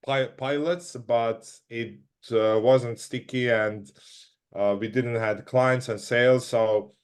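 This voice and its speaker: Man from Croatia, slow halting speech, smooth clear voice, lots of restarts. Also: medium pitch, steady tone. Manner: halting, with many restarts and repeated words. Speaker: guest entrepreneur. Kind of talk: casual interview talk.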